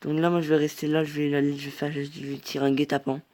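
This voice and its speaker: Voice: mid-range voice, flat delivery, fast talker, a little mellow. A mobile game player giving casual gameplay commentary, rambling and hesitant, reacting aloud as the game goes on.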